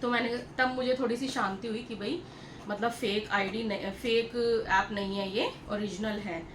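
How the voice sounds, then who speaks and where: Speaking straight to her viewers, an Indian vlogger relates a story in a relaxed, talkative manner and often repeats herself. She has a mid-range voice with a steady tone and moderate pace, and the echoey room carries noticeable background noise.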